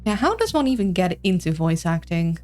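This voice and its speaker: Speaking briskly in a fairly low, darkish voice with big pitch swings, this Dutch-accented game streamer rambles and thinks out loud over her gameplay. Game music runs underneath, and her streaming mic carries voice filters.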